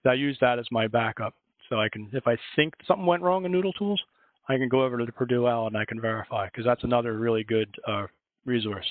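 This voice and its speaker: Talking fast in a mid-range voice, a Philadelphia-accented librarian presents a workshop over a video call. He's chatty and rambling and keeps correcting himself, and the recording is dry, tinny, phone-like, and echo-free.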